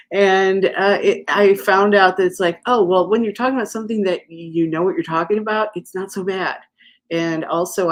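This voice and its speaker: A woman with a low-pitched voice hosts a live crochet stream, chatting casually and rambling along with plenty of fillers, restarts and easy laughter.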